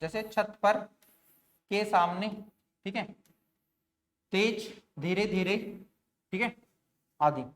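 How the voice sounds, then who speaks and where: A man's voice: high-pitched, slow, long pauses, a bit bright. A man teaching an online grammar lesson, explaining step by step and often putting questions to his students, with frequent fillers. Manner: sprinkles fillers like "theek hai" and "bhai".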